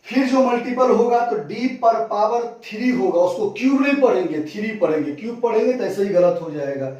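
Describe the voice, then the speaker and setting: A man's voice: high-pitched, darkish tone. A maths teacher with a Bihari Hindi accent, lecturing a class at the board and asking questions that he answers himself. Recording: echoey classroom from far off.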